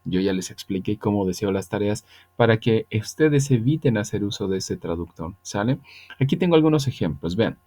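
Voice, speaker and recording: A man, a virtual tutor explaining English grammar patiently to students, slowing down for the examples. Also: on the low side, animated, warm tone. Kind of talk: online grammar lesson.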